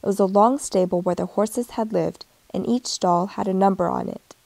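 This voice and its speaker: Reading a picture book in a soft storytelling manner, a woman lightly voices each character differently. Her pitch is middling with some vocal fry, her pace moderate, and the recording close and dry.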